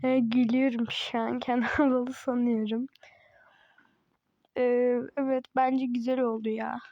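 A woman's voice: on the high side, level tone, a little slow, dark tone, dry recording, lo-fi sound. A woman giving casual, teasing commentary over a game she is playing, chatting to herself and laughing often. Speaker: gaming channel host.

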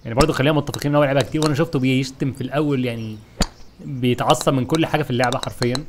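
Egyptian guy streaming a game, talks fast, gets worked up, clicky clinky noise in the background. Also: mid-range voice. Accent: Egyptian Arabic. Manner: animated, frustrated, talks to viewers while playing. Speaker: gaming YouTuber. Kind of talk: gameplay commentary.

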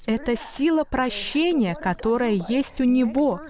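Higher-voiced woman telling a faith story. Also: expressive, measured pace, a crowd in the background. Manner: earnest, storytelling voice-over. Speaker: guest minister.

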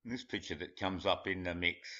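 A man's voice: low voice, steady tone, normal speed, sharp tone. A man mocking pictures in a rambling, crude commentary, laughing at his own jokes. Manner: crude and blunt. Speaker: conspiracy video commentator. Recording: dull lo-fi home recording.

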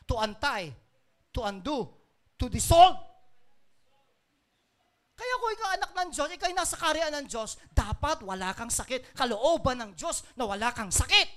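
A pastor from the Philippines preaching a Sunday sermon, swinging between soft asides and loud declarations, mixing in English phrases and chuckling between points. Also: sits high. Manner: mixes English phrases into the talk.

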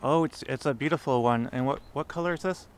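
A man's voice: medium pitch, brisk. A man behind the camera chatting casually, asking short, curious questions. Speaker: camera operator. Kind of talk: casual chat. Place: outdoor garden. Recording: outdoor noise on camera mic.

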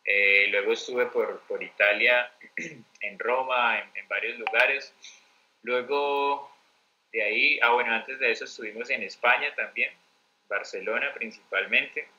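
Man, Colombian accent, interview guest, rambling with fillers, very bright timbre. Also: mid-range voice, rough recording. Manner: rambling, many fillers and restarts. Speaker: interview guest, mentor teacher. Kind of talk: conversational interview storytelling.

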